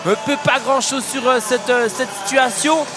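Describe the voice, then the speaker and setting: A man giving live ice hockey commentary, excitable and shouting out goals. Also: very high voice, moderate pace. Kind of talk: live sports commentary with excited goal calls. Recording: crowd noise and music behind commentary. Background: arena crowd and music.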